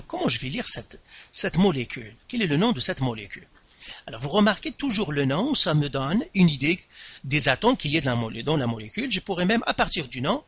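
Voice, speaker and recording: A man teaching a science lesson, speaking slowly and deliberately, repeating and stressing each term with jumps in pitch. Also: sharp tone, breathy edge, no room sound. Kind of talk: classroom lesson explaining at a board.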